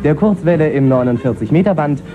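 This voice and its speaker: A higher-pitched male announcer runs briskly through a formal station identification. His voice comes through thin and tinny, as if from an old AM radio set, with faint music playing underneath. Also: expressive, mellow. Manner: crisp, brisk announcer delivery. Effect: old AM radio broadcast sound.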